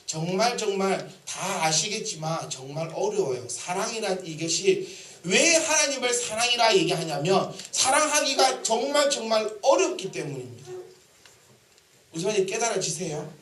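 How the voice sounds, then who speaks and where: A man's voice: sits high, moderate pace, far from the mic, slight background noise. A man preaching a sermon in a church, joking and acting out everyday dialogue. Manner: animated, joking, acts out dialogue. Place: church sanctuary. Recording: echoey church hall.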